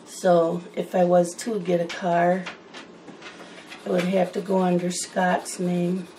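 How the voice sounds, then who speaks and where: A woman's voice: lowish voice, completely flat delivery, slow, mellow, slight background noise, rough recording. A woman chatting in a rambling, casual way while she colors, wandering from one topic to the next. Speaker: coloring channel host.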